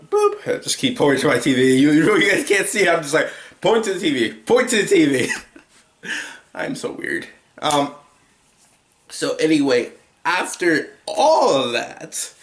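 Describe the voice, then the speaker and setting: A man's voice: medium pitch, a bit bright, roomy sound. A young man giving a casual, rambling movie review at home, full of restarts and filler words. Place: home room with a TV.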